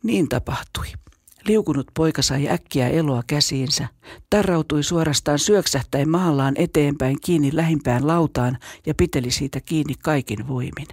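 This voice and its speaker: A storyteller reading a children's story aloud in a steady, measured way. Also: mid-range voice, slightly rough, no echo, clean studio sound. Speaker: narrator.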